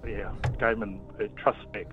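A man's voice: fairly low pitch, little pitch movement, unhurried, over music. A man calling in to a radio contest over a phone line, as if on a Bluetooth headset, who talks hesitantly and thinks aloud with restarts. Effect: heard over a phone line, first asked if he is on Bluetooth. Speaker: radio competition caller. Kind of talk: casual phone-in chat.

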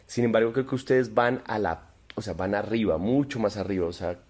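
A man's voice: on the low side, brisk, darkish tone, breathy edge. A man, a podcast guest chatting casually in a joking, rambling, provocative way. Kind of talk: casual chat.

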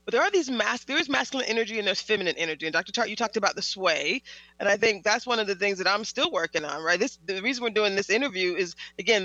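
A woman hosting a conversational interview, animated and quick to laugh, with frequent restarts. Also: medium pitch, dry recording, dull audio. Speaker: host.

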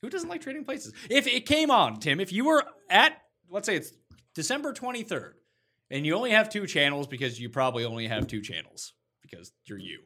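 Podcast co-host, male, brash and sweary, lively pitch, sharp bright tone. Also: a little fast. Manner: blunt, argumentative, swears freely. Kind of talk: casual banter.

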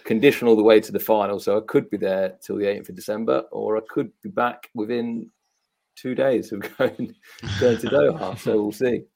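Man, Leicester accent, lowish pitch, casual football podcast chat, panellist. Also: steady tone, moderate pace, gravelly, darkish tone. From Leicester, England.

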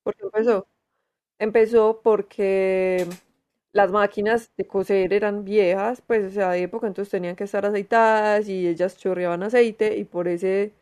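A woman from Manizales with a Colombian paisa accent, co-hosting a podcast in relaxed, chatty storytelling with fillers. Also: medium pitch, normal speed, clean tone. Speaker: podcast co-host. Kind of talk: casual chat.

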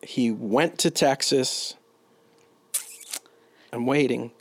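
A man co-hosting a relaxed golf-picks show, with a teasing, joking manner. His voice sits in an ordinary middle register. The sound is dry and close, with no room around it. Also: medium pitch, very slow, no echo. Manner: teasing, gives playful clues. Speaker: co-host. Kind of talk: casual golf-picks chat.

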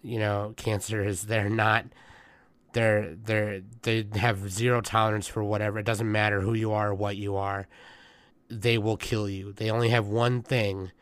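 A young man hosting a casual podcast, hoarse and congested, rambling with lots of fillers and swearing. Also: on the low side, little pitch movement, normal speed, fairly bright tone, no echo. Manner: rambling, profane, many fillers. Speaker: podcast host. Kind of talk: casual chat.

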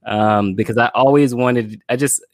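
A man from Florida, a guest in a relaxed interview, talking about his life in a reflective way with frequent fillers. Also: medium pitch, normal speed, no room sound, studio quality. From Florida, USA. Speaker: podcast guest, filmmaker and brand strategist. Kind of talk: casual interview conversation.

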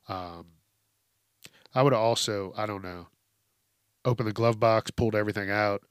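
Congested from allergies, a man hosts a solo podcast, delivering blunt, emphatic rants full of profanity in a casual tone. He speaks into a close hypercardioid podcast mic, his pitch fairly low, with no echo.

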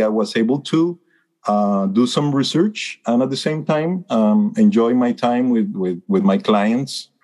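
This interviewee is a fiftysomething birding guide with a Costa Rican Spanish accent and a mellow, medium-pitched voice. Sincere and unsure, he keeps restarting sentences and leaning on fillers.

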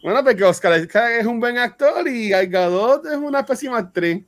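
A man's voice: very high voice, animated, moderate pace, fairly bright tone. A man co-hosting a casual podcast chat, joking and opinionated. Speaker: podcast co-host.

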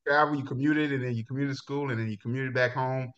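A middle-aged man from Jamaica talks at a quick pace as he tells his life story. He coaches high school football, and the casual interview is relaxed, full of laughs and restarts, recorded with dull lo-fi sound.

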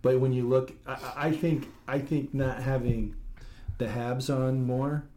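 A man's voice: mid-range voice, fairly even intonation, unhurried, warm tone, a little hiss or hum, low-quality recording. A man co-hosting a podcast, chatting casually and agreeing with short remarks. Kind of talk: casual sports chat.

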